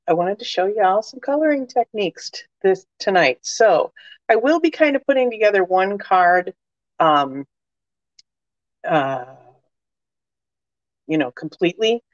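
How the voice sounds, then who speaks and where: A woman's voice: mid-range voice, expressive, measured pace, pauses often, dry recording, dull audio. A woman with a slight cold, a crafting demonstrator chatting her way through a live-stream demonstration with many fillers and asides. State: slight cold, cough drop in mouth.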